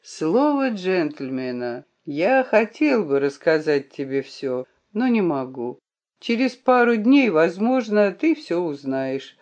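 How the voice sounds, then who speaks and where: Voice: mid-range voice, very animated, takes it slowly, a little mellow, dull audio. A reader voicing a young man, an anxious and defensive brother, in an audiobook, with agitated, pleading questions. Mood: earnest. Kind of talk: audiobook reading.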